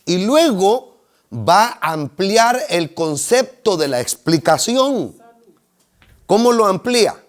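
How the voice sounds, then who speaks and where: Man, seminary teacher, high voice, slow deliberate lecturing, asks the class questions. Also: sing-song. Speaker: homiletics teacher.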